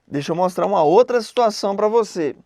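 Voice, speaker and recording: A woman teaching an exam-prep grammar lesson in a conversational way, often checking in with quick questions. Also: mid-range voice, lively intonation, mellow, no room sound, clean studio sound.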